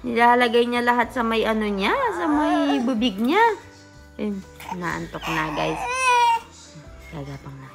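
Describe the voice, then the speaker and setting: A woman's voice: expressive, unhurried, gravelly, long pauses, music in the background. Young mom vlogger cooing at her baby. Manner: cooing, high sing-song baby talk to her son. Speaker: vlogger and mother. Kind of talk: casual family vlog chat.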